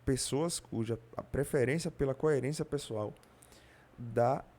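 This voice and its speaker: A man with a Brazilian Portuguese accent reads a nonfiction audiobook in a dark, mellow voice. His delivery is steady and plain, with a few slips he stops to correct. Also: medium pitch, unhurried. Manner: steady reading with occasional slips and self-corrections. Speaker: audiobook reader. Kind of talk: reading a nonfiction audiobook aloud.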